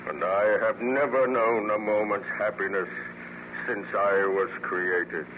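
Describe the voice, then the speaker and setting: Outcast monster, formal and declamatory, slow delivery with dramatic pauses, vintage dull radio sound. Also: male voice, on the low side, steady tone. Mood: bitter reproach. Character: artificial monster, lonely outcast pleading bitterly for friendship. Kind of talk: 1930s-40s radio serial acting. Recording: noisy muffled old radio recording.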